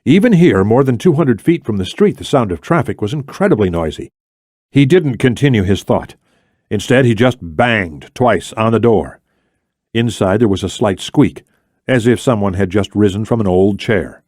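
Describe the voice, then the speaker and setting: A man with a medium-pitched, darkish voice reads scripted thriller narration as an audiobook narrator, in a dry, studio-quality recording.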